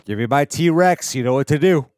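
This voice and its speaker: A man's voice: a little high, expressive, normal speed, a little mellow, soft background music. A man hosting a reaction video, talking casually with dry, wry asides. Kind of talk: casual commentary and sponsor read.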